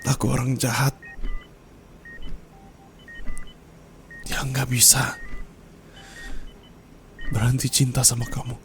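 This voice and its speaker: A young man voicing a dying husband in a whispered role-play, speaking softly and apologetically to his wife, close to the mic. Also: medium pitch, level tone, unhurried, a little hiss or hum, lightly acted. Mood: remorseful. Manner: soft, tender, apologetic murmuring.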